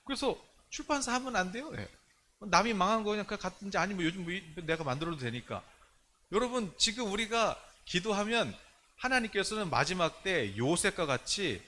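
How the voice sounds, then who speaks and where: A man's voice: sits high, a little hiss or hum. A male pastor giving a conversational sermon in church, talking in a loose, chatty way and acting out the people he quotes. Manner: animated, colloquial, acts out quoted dialogue.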